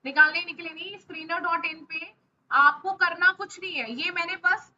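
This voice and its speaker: A woman's voice: very high-pitched, fairly even intonation, normal speed, bright, forceful tone. A woman teaching a live online stock market class over a video call. She answers students' questions and keeps checking in with them. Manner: keeps checking in with frequent "ok?" and hesitation fillers. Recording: muffled audio with faint hiss.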